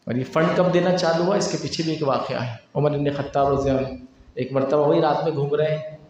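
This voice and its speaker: A male preacher from India giving a sermon, telling stories in an animated way and acting out the quotes. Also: a little high, highs cut off. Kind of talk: sermon storytelling. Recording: echoey hall, distant mic, faint noise.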